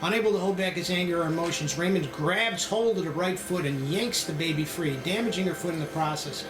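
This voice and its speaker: A man with a rather high voice, speaking fairly quickly, narrates a screenplay at a table read with dramatic storytelling flair. The room is echoey, and music plays in the background.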